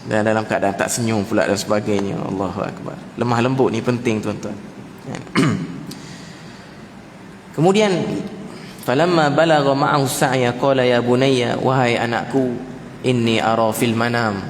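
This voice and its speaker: A man with a Malaysian Malay accent giving a mosque lecture, often addressing the audience directly and mimicking greetings in a high, jokey voice. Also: moderate pace, a little hiss or hum. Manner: repeatedly addresses audience as tuan-tuan. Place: mosque hall. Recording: echoey mosque hall, faint ambience.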